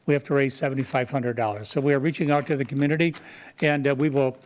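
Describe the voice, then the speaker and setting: This Rotary club member talks fast, at medium pitch with fairly even intonation. As a community volunteer, he delivers an earnest, explanatory presentation at a public meeting in a town board meeting room.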